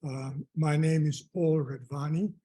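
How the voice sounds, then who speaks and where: Hungarian-accented guy, super mellow dark voice, lots of uh pauses, memorial talk into a mic. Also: fairly high pitch, fairly even intonation, rough recording. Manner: hesitant, frequent "uh" pauses. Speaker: relative giving remarks. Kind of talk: spoken memorial remarks. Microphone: microphone at a gathering.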